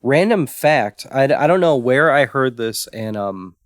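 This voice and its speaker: A man co-hosts a laid-back retro gaming podcast, chatting casually and tripping over his words in an easygoing way. His mid-range voice is animated and measured in pace. The studio-quality recording has no room sound.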